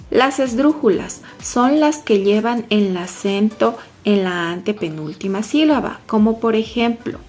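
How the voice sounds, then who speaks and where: A young woman reading a student class presentation in a measured way, listing examples. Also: a little high. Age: young adult.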